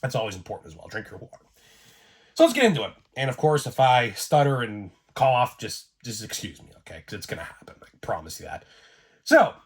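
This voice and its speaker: A man hosting a casual sports card vlog, getting over a cold and coughing now and then, talking in a rambling, excitable way with plenty of fillers. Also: mid-range voice, brisk, husky.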